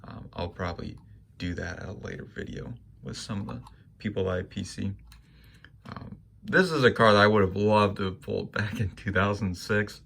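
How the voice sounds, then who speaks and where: A young man casually talking through his sports card pickups, relaxed and rambling with plenty of fillers. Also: lowish voice, normal speed, gravelly, breathy edge. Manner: relaxed and rambling, many ums and likes. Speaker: sports card collector vlogger. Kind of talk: casual monologue showing cards.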